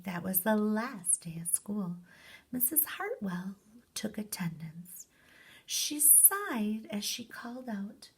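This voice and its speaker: Using a mid-range voice, a female teacher shares a picture book with young children, reading it aloud in an expressive, deliberate storytelling style.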